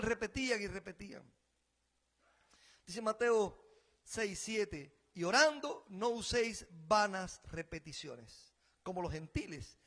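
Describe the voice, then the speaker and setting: A Cuban man with a Cuban Spanish accent preaching a sermon as pastor, rising loud on key phrases and then dropping quiet. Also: sits high. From Cuba.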